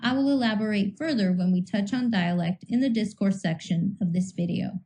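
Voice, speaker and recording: Mellow-voiced woman narrating a scripted lesson. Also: medium pitch, low-quality recording. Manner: measured, slows to sound out phonemes. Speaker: instructor.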